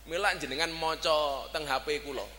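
A man with a Javanese accent delivers a sermon, his voice bright and forceful and set a little high. He tells stories with animation, swinging from loud to soft. A long reverb and a faint hiss of background noise surround him. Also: normal speed. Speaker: preacher.

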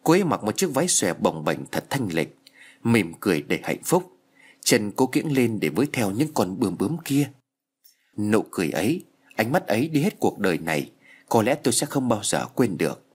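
A man narrating a horror story in an expressive, dramatic storytelling style. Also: fairly low pitch, moderate pace, slightly rough. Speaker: audiobook narrator.

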